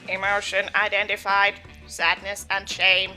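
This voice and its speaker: A woman acts out a robot classmate from a video game, literal and clipped. It speaks slowly in a bright voice, stating things as plain fact. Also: medium pitch, completely flat delivery, soft background music, pitched below the performer's own voice. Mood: deadpan.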